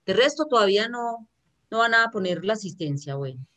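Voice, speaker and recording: A woman, a teacher briskly calling on students in an online class. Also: mid-range voice, lively intonation, a bit bright. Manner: brisk, encouraging, calls on students. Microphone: video call.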